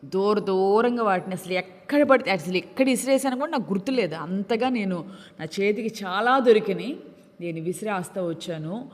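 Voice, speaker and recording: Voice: medium pitch, lively intonation, moderate pace, lightly acted. Regretful young man, as a preacher tells it. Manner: remorseful explaining. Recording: long reverb in a hall.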